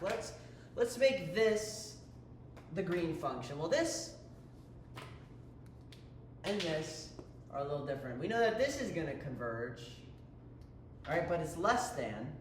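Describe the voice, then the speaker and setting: Man, math tutor, casual lesson, chatty, jokey asides, animated pitch, echoey room. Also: a little slow, pauses often. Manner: chatty, self-interrupting, playful asides. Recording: roomy echo, faint ambient noise.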